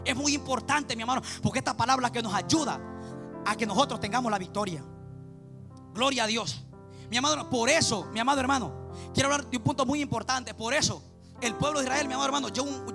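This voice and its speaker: Preacher, male, high tenor, gravelly edge, quick delivery, soft music underneath, fervent and repetitive. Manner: fervent, repetitive, addresses listeners as beloved brother. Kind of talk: sermon.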